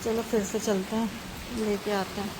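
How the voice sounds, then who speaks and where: A woman's voice: little pitch movement, moderate pace. Chatty vlogging mother, noisy phone audio. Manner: chatty, scolds children in sharp higher bursts. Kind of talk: casual family vlog narration. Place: home and outdoors in rain. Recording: phone vlog with clear background noise.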